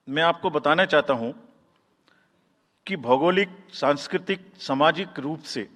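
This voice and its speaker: A man with an Indian English accent giving a formal press conference speech as an election official, measured and deliberate, with pauses and restarts. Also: on the high side, a bit bright. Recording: long hall reverb.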